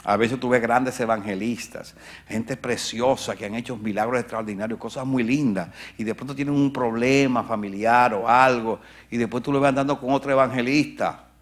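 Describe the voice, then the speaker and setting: A male pastor preaching a sermon to his congregation, swinging from shouts to near whispers and asking the crowd questions along the way. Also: mid-range voice, steady tone, moderate pace. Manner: conversational asides to the congregation. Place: church.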